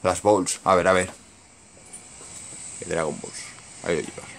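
Catalan guy filming outside on his phone, gravelly creaky voice, mutters and repeats himself, keeps going to a whisper. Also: sits low, fairly even intonation, measured pace, a bit bright, slight background noise. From Maresme, Catalonia. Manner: repetitive, muttering, often drops to a whisper. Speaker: amateur filmer. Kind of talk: casual commentary while filming. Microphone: phone camera.

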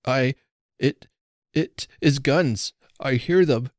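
A man's voice: medium pitch, slow, no room sound, clean studio sound, voice pushed up, lightly acted. A man voicing a sorrowful, frail old Father Christmas who talks in a trembling, mournful and pleading way. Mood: frightened.

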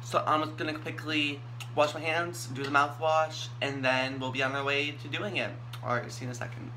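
A man's voice: fairly high pitch, fairly even intonation, fairly quick, sharp tone. A young adult man chatting casually to a camera at arm's length in a small bathroom. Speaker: vlogger. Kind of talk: casual chat. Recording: clear background noise in bathroom.

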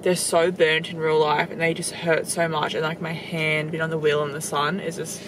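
A woman's voice: low voice, flat delivery, normal speed. A young Australian woman in her twenties chatting casually to a handheld camera on a road trip, leaning heavily on fillers like "like". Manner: chatty, filler-heavy, says "like" often. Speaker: travel vlogger. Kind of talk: casual vlog chat to camera. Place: car and outdoors on a road trip. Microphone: handheld camera or phone. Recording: noisy with vehicle and outdoor sound.

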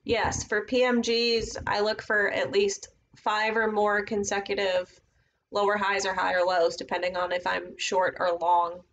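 A woman's voice: medium pitch, flat delivery, unhurried, fairly bright tone, dull audio, a little hiss or hum. A woman casually teaching trading setups on a live stream, thinking aloud as she marks up charts at her computer. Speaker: trading educator.

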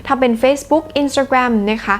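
A woman hosting a casual English lesson, switching between Thai and slow, careful English as she explains spelling rules. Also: high-pitched, fairly even intonation. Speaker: English teacher.

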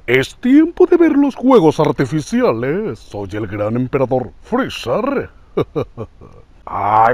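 A haughty alien emperor from a cartoon, voiced by a man. He sneers and gloats, and the voice climbs higher and higher with cruel glee. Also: vocal fry, no echo, exaggerated voice. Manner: sneering, gloating, laughs a lot.

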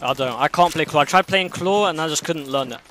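A young man in casual gaming chat, often repeating his phrases in quick succession. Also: a little high, a bit bright, a little hiss or hum. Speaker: gamer.

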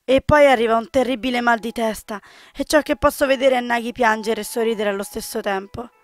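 A woman's voice: on the high side, steady tone, brisk. Woman reading a visual novel aloud. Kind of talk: reading game dialogue and narration aloud.

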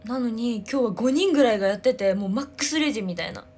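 A woman, chatting casually on a livestream, telling stories excitedly with sound words. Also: fairly high pitch, fast, husky. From Ehime, Japan. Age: 20s. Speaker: idol livestreamer. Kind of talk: casual livestream chat answering comments.

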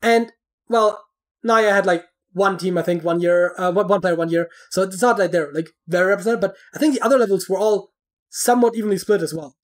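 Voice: medium pitch, brisk. A podcast guest in casual chat, explaining at length with many fillers and restarts.

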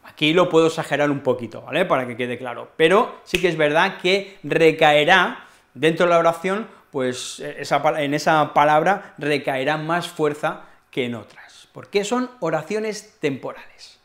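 A man's voice: a little high, normal speed, a bit bright. A man with a Spain accent teaching an online Spanish lesson in a chatty, playful way, often adding tag questions.

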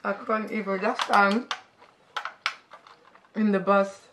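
A woman's voice: medium pitch, little pitch movement, takes it slowly, background noise. A woman in her twenties hosting a casual sister tag chat on her channel, playful and teasing. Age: 20s. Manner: playful, teasing, dips into quiet whispers. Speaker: YouTube host. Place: living room couch indoors.

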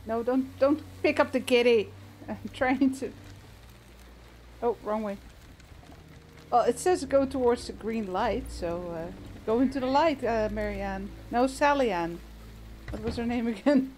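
A woman's voice: fairly high pitch, measured pace, long pauses, darkish tone, a little hiss or hum. A woman chatting casually as she plays a co-op game, hesitant and thinking aloud. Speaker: gamer playing co-op. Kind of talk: casual gameplay chat.

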